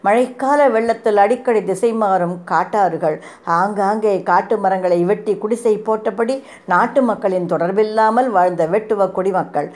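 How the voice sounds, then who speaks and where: A woman narrates a historical novel in a measured, expressive way, her pitch sitting in an ordinary middle range. She moves through long descriptive passages with steady, deliberate phrasing. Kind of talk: storybook reading of a historical novel.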